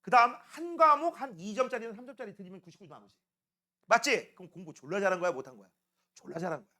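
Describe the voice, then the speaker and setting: A middle-aged man teaching a science class, joking roughly with his students and constantly checking in with tag questions. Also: high voice, lively intonation, fast, bright, forceful tone. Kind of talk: classroom lecture.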